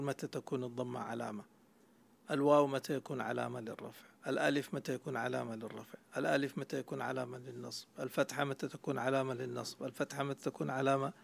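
A man's voice: mid-range voice, gravelly. A man teaching Arabic grammar in a classroom lecture, explaining step by step and quizzing his students.

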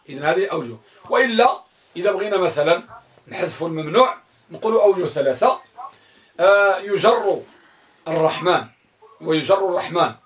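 A male teacher gives a grammar lesson to a room of students. His voice sits fairly high, and he fires questions at the class before spelling out the answers. He repeats key words slowly so they can be written down.

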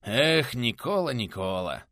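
Man voicing a gruff young warrior, loud and brash, lively delivery. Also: medium pitch, moderate pace, no echo, studio quality, pitched above the performer's own voice. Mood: rueful. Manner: loud barking retorts.

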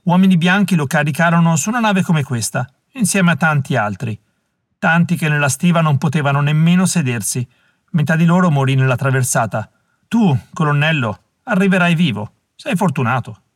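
A man reading aloud voices a grave, mysterious jailer with a low, vibrant voice. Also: animated, brisk, dry recording, clean studio sound, natural voice.

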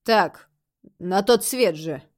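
A woman voicing a burly, bearded, biker-like man who talks bluntly and gruffly. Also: mid-range voice, animated, takes it slowly.

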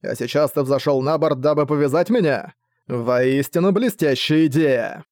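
A man's voice: a little high, normal speed, darkish tone, no echo, natural voice. Man doing a proud defiant prince, scornful and haughty, dry sound. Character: proud defiant older prince, fleet commander.

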